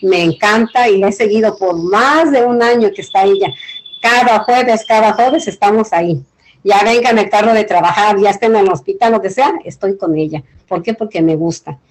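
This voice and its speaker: A woman's voice: medium pitch, moderate pace, poor audio. A middle-aged or older woman with a Mexican accent giving an informal cultural presentation in an earnest, rambling, colloquial way. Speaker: invited community leader.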